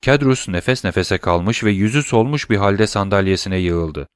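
A man reading a novel aloud in scripted audiobook narration, measured and suspenseful. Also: lowish voice, clean tone, dry recording, clean studio sound.

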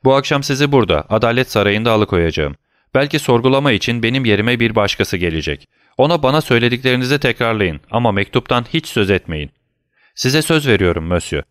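A man's voice: medium pitch, animated, fast, a bit bright, no room sound, clean studio sound, natural voice. A man voicing a shaken, secretive middle-aged male prosecutor who speaks curtly and commandingly, then turns persuasive. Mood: urgent.

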